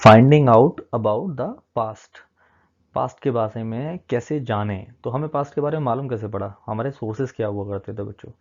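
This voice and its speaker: A man teaches a class of children in a patient, coaxing way, keeping up a string of check-ins to be sure they follow. His voice is mellow and dark, sitting at an ordinary middle pitch. The recording sounds dull and lo-fi. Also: quick pace, hardly any pauses. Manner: mixes in English terms while explaining. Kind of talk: classroom lecture explaining a map.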